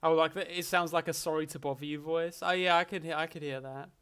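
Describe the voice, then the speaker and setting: A man's voice: a little high, fairly even intonation, fast, fairly bright tone, clean tone. A man hosting a livestream, chatting casually and rambling through answers to chat questions with a joking manner. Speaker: livestream host.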